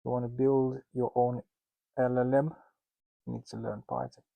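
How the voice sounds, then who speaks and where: The recording sounds phone-quality, with no room sound, as a man with a Russian accent lectures founders casually. His voice is medium-pitched, level, and creaky. Self-mocking jokes and loose asides pepper his halting speech, which is full of restarts and fillers.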